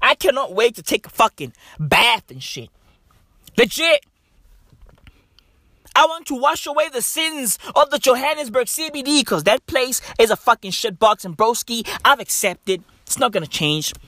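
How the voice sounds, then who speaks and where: A man talking like a frat bro in a casual vlog, full of slang and swearing, repeating catchphrases with animated, drawn-out emphasis. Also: very high-pitched, dry recording. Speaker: vlogger. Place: inside a car.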